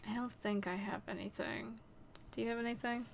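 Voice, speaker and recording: A woman co-hosting a gaming podcast in casual chat, playful and quick to laugh. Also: fairly high pitch, steady tone, creaky. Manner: laughs often, playful teasing. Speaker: podcast co-host.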